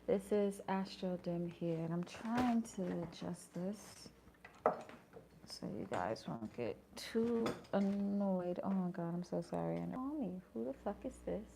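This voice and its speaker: A woman with a gravelly, fry-edged voice talks loosely to her viewers in a tarot reading vlog. She is slangy and profane and keeps apologizing as she rambles. A faint hum sits under her voice. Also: fairly low pitch, slow. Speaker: astrology tarot reader.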